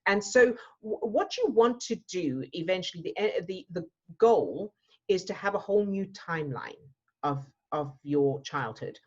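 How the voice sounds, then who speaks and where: Fairly low in pitch and expressive, a South African woman speaks at a measured pace. She is a mindset coach fielding questions in a workshop, explaining with repeated words as she thinks, and the recording is dull and lo-fi.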